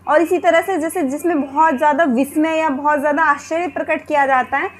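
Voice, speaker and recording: A woman's voice: high voice, steady tone, brisk, a little hiss or hum. A woman teaching a Hindi grammar lesson for exam preparation, who poses questions and then answers them herself, often saying "ठीक है". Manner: repeats "ठीक है" as a filler.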